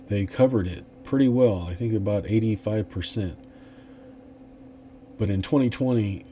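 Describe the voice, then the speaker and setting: A man's voice: lowish voice, dark tone, slight background noise. A man hosting an investing channel, talking through stock picks in a casual, rambling way with many fillers and restarts. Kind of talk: casual stock analysis talk.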